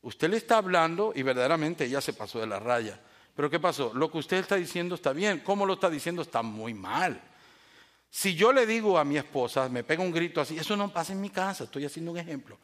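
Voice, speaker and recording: A male pastor preaches in a fairly high voice. He jumps from loud, raised lines to soft, low asides and keeps asking his listeners questions. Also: fast talker. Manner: animated, swings from loud raised phrases to soft low confiding tones; addresses the congregation directly with rhetorical questions. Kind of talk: sermon.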